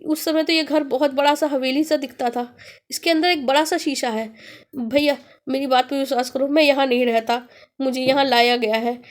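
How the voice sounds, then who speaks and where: Woman putting on a scared young man, panicked pleading, high voice, climbs even higher when begging. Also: normal speed, close to an everyday voice. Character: frightened young man renting a haunted house.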